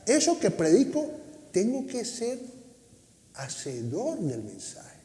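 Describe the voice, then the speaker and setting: A man's voice: high-pitched, huge pitch swings, slow, dark tone. A man preaching a sermon as pastor, emphatic and often asking the congregation questions. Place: church hall. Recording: echoey hall.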